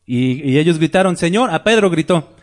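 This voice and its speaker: A man preaches, his voice sitting a little high. He reads scripture and acts out the voices in the stories. He keeps checking in with rhetorical tag questions. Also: lively intonation, normal speed, a little mellow. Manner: retells Bible scenes with shifting voices. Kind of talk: sermon with scripture reading.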